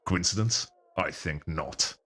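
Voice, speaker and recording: A man's voice: slow pace, bright, forceful tone, husky, heavily acted. A man through a voice changer as a stern guard captain. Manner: curt, authoritative orders. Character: stern commanding male captain of the city guard. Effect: voice changer deepening the voice. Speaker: game master.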